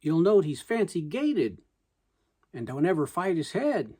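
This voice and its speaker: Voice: mid-range voice, big pitch swings, measured pace, darkish tone, breathy edge. A reciter with a voicing a shy, tongue-tied, lovestruck young cowhand in a poem. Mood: bashful.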